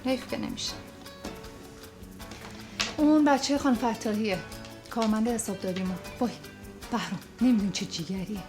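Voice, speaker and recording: A woman's voice: a little high, pauses often, over music, natural voice. An actress playing a playful, affectionate woman teasing her lover in a film drama. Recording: film score under dialogue.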